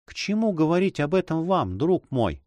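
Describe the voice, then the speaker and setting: Audiobook: a hesitant young woman in love, read by a male narrator, lively pitch, dry studio. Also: moderate pace, no room sound. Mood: fearful. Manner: soft, fearful and hesitant. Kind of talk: audiobook reading.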